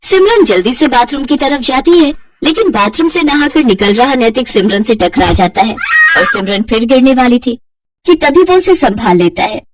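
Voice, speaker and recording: A woman narrating a scripted storybook cartoon in a steady, expressive way. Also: fairly high pitch, normal speed, distant mic, a little hiss or hum.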